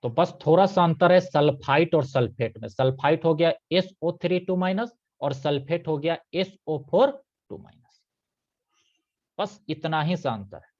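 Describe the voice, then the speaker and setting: A man teaches chemistry in a live online class. He is patient and keeps going back over each point, checking that his students follow. His voice sits fairly high, and the audio is dull and lo-fi. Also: unhurried, a little mellow. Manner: patient, repeats key points with checking questions.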